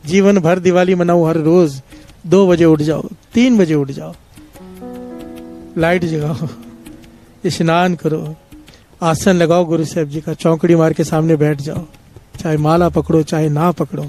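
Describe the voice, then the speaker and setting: High-voiced man preaching a devotional sermon. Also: warm tone. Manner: tells parables and repeatedly leads the congregation in a call-and-response chant. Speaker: satsang preacher.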